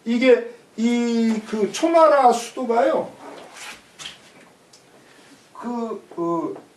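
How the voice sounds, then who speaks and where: A man's voice: extremely high pitch, lively intonation, extremely slow, slight background noise. A man teaching a classical Chinese text, glossing each phrase and then restating it in plain everyday speech. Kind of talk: explaining a classical text line by line. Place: room in a rural community shelter. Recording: echoey room, mic far off.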